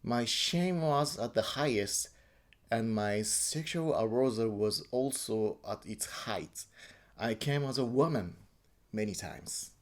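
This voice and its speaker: This Japanese interviewee shares a personal account in halting English marked by his Japanese accent, regularly repeating and self-correcting. He speaks in a mid-range, animated voice.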